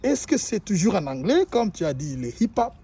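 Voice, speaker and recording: A man's voice: high voice, very animated, normal speed, dark tone, husky. A male journalist asking interview questions, rephrasing and repeating them with many fillers.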